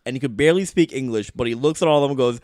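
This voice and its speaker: A man's voice: mid-range voice, rapid-fire, darkish tone, no echo, clean studio sound. A man co-hosting a casual soccer podcast, telling stories with a laugh. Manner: storytelling, laughing. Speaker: podcast co-host. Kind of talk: casual chat.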